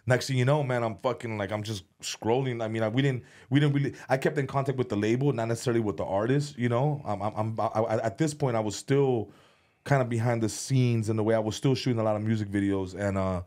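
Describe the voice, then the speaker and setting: This podcast guest is a comedian and music video director from the United States, speaking quickly in a mid-range voice with a darkish tone. He rambles through the casual conversation, often restarting and repeating words, and doesn't hold back on swearing.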